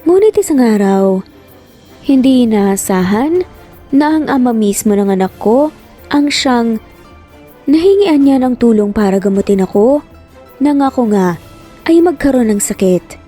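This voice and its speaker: Woman narrating a story slowly. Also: a little high, expressive, warm tone, faint music behind. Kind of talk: scripted narration.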